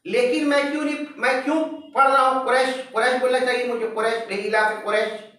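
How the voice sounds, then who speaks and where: A man teaching a tajweed class, slowly spelling out letters and vowel marks one by one and reciting short examples. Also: very high voice, steady tone, pushed and bright, very echoey, distant mic, low-quality recording. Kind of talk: online tajweed class explanation.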